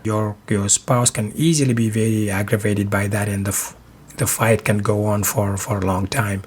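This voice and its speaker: A man from Senegal hosting a solo advice podcast, speaking in a calm, measured, reflective way. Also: fairly low pitch, breathy edge. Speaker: podcast host.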